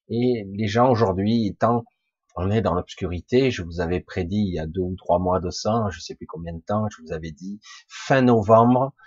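A man with a hoarse, husky, chesty voice recovering from a cough, giving a rambling, blunt, informal monologue to his followers, with casual swearing. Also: fairly low pitch, dry recording, highs cut off. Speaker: spiritual vlogger speaking to followers.

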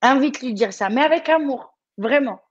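A woman's voice: high voice, animated, moderate pace, dry recording, highs cut off. A woman from France coaching someone live, speaking directly and encouragingly with frequent restarts.

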